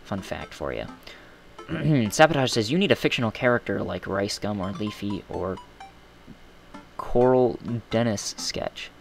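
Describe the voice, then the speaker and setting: Low-voiced young man rambling over game. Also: expressive, unhurried, gravelly, faint music behind. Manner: rambling and self-deprecating, full of fillers and asides. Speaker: gaming streamer. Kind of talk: live game commentary, reading chat.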